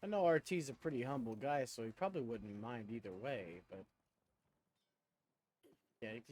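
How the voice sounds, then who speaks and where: Here a man with a mid-range, slightly mellow voice talks at a moderate pace. He's a video game streamer giving casual chat and commentary during play, thinking out loud and rambling self-consciously.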